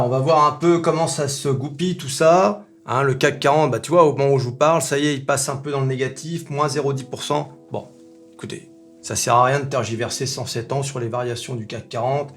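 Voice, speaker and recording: A man hosting a casual market commentary video, chatty and animated, full of fillers and rhetorical questions. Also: fairly high pitch. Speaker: finance video host.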